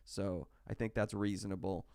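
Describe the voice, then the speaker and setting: A man's voice: on the low side, level tone, moderate pace, warm tone, dry recording, studio quality. A sick man with hiccups, casually talking through a recorded online math lecture with many fillers and restarts. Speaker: math instructor.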